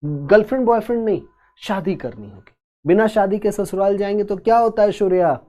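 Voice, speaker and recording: A man teaching an exam-prep class, explaining step by step at a slow, deliberate pace and adding joking asides to his students. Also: high voice, animated, mellow.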